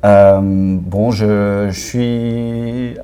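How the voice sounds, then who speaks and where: Gravelly Argentine man, mellow and low. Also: flat delivery, very slow. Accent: Argentine Spanish. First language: Spanish. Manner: hesitant, many restarts, laughs often. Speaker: film director. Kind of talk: casual interview answers.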